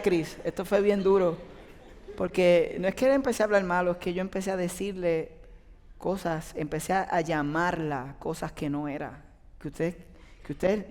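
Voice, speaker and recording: Man preaching. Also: high-pitched. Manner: conversational, addresses the audience directly. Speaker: pastor. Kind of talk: sermon. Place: church auditorium with an audience. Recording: long reverb from a large hall.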